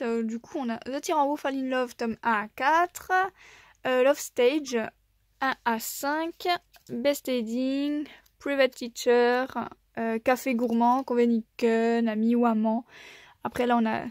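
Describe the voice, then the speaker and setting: A young woman with a slightly high voice talks casually through her manga shelves. She fills her speech with hesitations and little laughs. The sound is dry and close, with no room echo. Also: a little mellow. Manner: chatty, many fillers and little laughs. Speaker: manga collector vlogger. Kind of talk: casual collection tour.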